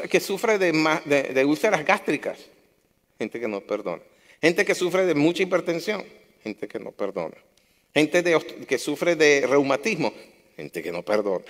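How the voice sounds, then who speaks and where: Preaching man in a reverberant church hall. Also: mid-range voice. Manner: impassioned, repeats phrases for emphasis. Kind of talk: sermon.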